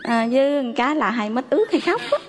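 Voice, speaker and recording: A woman's voice: high-pitched, very animated, fairly quick, in a large hall. A woman in her thirties with a Southern Vietnamese accent, a dating-show contestant chatting shyly and politely on stage. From Dong Thap, Vietnam. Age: 30s. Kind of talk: casual on-stage chat. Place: TV studio.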